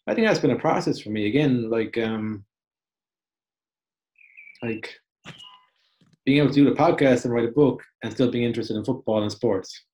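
A man's voice: medium pitch, moderate pace, pauses often, darkish tone. A young man talking in a loose, reflective way during a casual interview. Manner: reflective, loose, many restarts and "like". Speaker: podcast guest.

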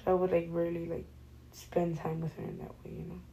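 Casting note: young woman, low mellow voice, soft-spoken and rambling, casual podcast co-host. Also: completely flat delivery, fast, slight background noise, low-quality recording. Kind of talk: casual chat.

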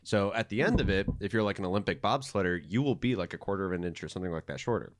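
A man in a casual podcast chat, giving deadpan, absurd explanations and sarcastic comebacks. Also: sits low, very fast, no room sound, studio quality.

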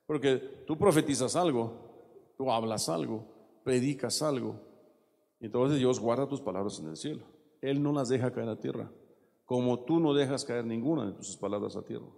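A man preaching a sermon in a gravelly voice, talking with his listeners rather than at them and often checking in with rhetorical questions. His voice rings with the long reverb of a large hall. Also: medium pitch, normal speed, darkish tone. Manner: conversational preaching with frequent rhetorical asides.

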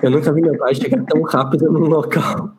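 A Brazilian man co-hosting a podcast, sharing an anecdote in a relaxed, casual way. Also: a little high, a little fast, slight background noise. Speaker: podcast co-host. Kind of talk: casual chat.

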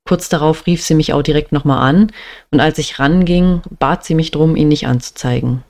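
A young adult vlogger from Germany tells a personal story at an ordinary pitch. The delivery is plain and matter-of-fact, with casual fillers running through it. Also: moderate pace, a little mellow.

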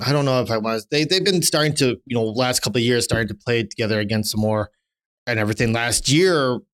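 A man in his thirties co-hosts a podcast in casual chat. His voice is smooth and resonant. He rambles with lots of restarts and drops the odd swear word. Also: mid-range voice, a bit bright. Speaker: podcast co-host.

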